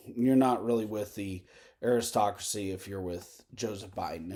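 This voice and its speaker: A man hosting a political commentary show, talking in a candid, digressive monologue, slightly hoarse and clearing his throat. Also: fairly low pitch, a little mellow. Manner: candid, digressive, many fillers and tangents. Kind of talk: rambling unscripted monologue.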